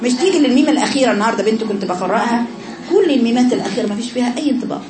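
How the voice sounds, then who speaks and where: A woman's voice: a little high, expressive, racing. A woman with an Egyptian Arabic accent teaching a Quran recitation class, often repeating sounds to demonstrate them. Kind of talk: classroom lesson on pronunciation. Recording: echoey, noisy room.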